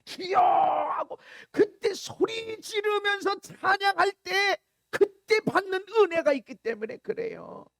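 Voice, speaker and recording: A middle-aged male pastor preaches with a strikingly high, gravelly voice. He swings between shouted cries and hushed murmurs. The sound is close and dry, with almost no room echo. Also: expressive, takes it slowly. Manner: impassioned preaching, shouting out prayers then dropping to a low murmur. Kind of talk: sermon. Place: church sanctuary.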